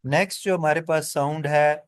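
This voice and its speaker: A man teaching pronunciation in a classroom-style explanation. He moves through each example deliberately and repeats every vowel sound several times. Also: fairly high pitch, fairly even intonation, clean tone, dry recording. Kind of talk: classroom explanation mixing Hindi and English.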